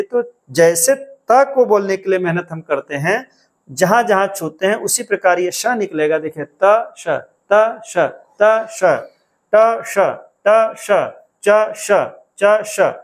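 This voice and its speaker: A man with a fairly high voice teaches an exam-prep grammar lesson. He explains step by step and says key counts and sounds aloud more than once.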